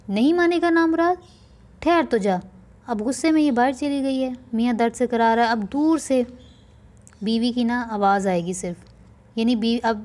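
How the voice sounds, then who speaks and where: A woman's voice: mid-range voice, warm tone. A middle-aged woman teacher reading a play aloud to students, explaining patiently and acting out the dialogue with a raised voice.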